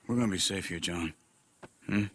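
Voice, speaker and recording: An actor playing a grizzled frontier man in a western game, speaking slowly and reassuringly. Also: deep voice, a bit bright, slight background noise.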